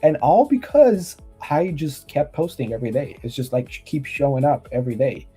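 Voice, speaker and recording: Earnest man with a mellow, husky voice. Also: mid-range voice, expressive, moderate pace, soft background music. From Romania. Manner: earnest, motivational, restarts often. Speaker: guest trader. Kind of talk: casual chat.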